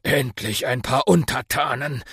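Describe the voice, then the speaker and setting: A man voicing a pompous, bossy male lion king who is cowardly underneath, with a gravelly, shouty voice. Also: mid-range voice, unhurried, no echo, clean studio sound, pitched above the performer's own voice, exaggerated voice.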